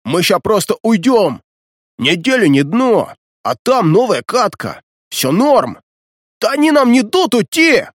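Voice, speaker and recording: A man voicing a panicking young male street punk who yells in shrill, hysterical bursts. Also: very animated, slow, no echo, studio quality, full character voice. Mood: panicked yelling.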